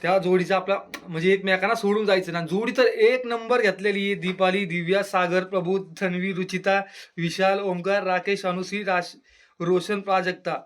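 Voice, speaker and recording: A man's voice: fairly even intonation, moderate pace, a bit bright. A man giving a casual, chatty review of a reality show on his channel, with exclamations and speech. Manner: chatty, exclaims, mimics housemates in lowered voice. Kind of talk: casual solo review monologue.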